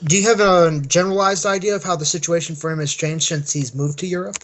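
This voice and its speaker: Somewhat high-voiced man in casual discussion. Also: steady tone, fast talker, fairly bright tone. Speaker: panelist.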